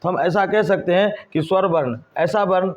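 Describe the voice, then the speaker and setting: A man's voice: high voice, normal speed. A man teaching a whiteboard grammar lesson, asking the class questions and answering them himself. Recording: dull lo-fi recording.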